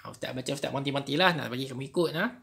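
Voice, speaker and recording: A man with a Malaysian accent teaching young children Quran reading, drawing out each phrase slowly so they can repeat after him. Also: medium pitch, creaky, fairly bright tone, slightly rough. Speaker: Islamic studies teacher.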